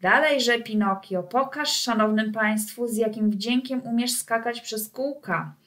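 A woman voicing a pompous male circus director who makes grandiose, slow, declamatory speeches to his audience in a storybook reading. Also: a little high, lively intonation. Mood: commanding.

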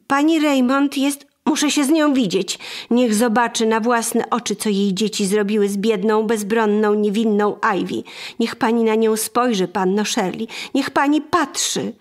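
Indignant neighbor woman, read by a female narrator: high, shrill, loud scolding. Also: steady tone, moderate pace, lightly acted. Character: angry indignant woman neighbor, middle-aged.

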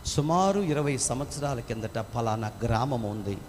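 A man's voice: medium pitch, animated, normal speed, voice pushed down, natural voice. A male preacher voicing a young nurse, devout and forgiving, who speaks in an earnest, impassioned way. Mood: solemn. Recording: echoey hall, faint background noise.

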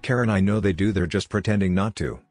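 A man voicing a rude, entitled woman diner in a complaining manner, read in his own deep voice. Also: fast talker, darkish tone, no room sound. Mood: indignant.

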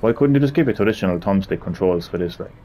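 A man talks through a game he is stuck on, swearing and muttering to himself. His voice is dark and mellow, with a husky edge. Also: sits low, lively intonation, fast. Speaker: gamer. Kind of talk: gameplay commentary.

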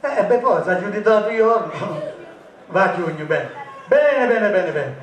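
A man's voice: high voice, animated, a little slow. A man performing as a stage magician, giving jokey, teasing patter to volunteers in a live comic magic show. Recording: echoey, distant stage recording.

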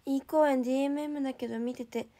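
Young woman idol, higher voice, casual and bubbly livestream chatter with frequent soft whispered asides. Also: fairly even intonation, quick pace. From Japan. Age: young adult. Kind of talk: casual livestream chat, reading viewer comments.

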